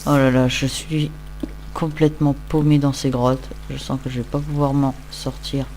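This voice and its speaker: A man's voice: mid-range voice, flat delivery, moderate pace, a little mellow, a little hiss or hum. A tired man giving casual, rambling, self-mocking commentary while he plays a game. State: tired, just woke up. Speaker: Minecraft let's-play host.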